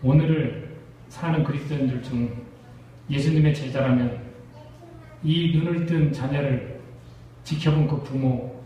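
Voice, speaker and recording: A man's voice: on the high side, mellow, slight background noise. A Korean man preaching a sermon to his congregation, emphatic and full of rhetorical questions. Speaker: pastor. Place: church sanctuary. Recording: echoey church hall, distant mic.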